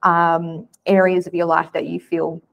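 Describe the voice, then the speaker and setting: Woman host, lowish pitch, enthusiastic. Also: flat delivery, a little slow, vocal fry. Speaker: podcast host. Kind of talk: casual interview.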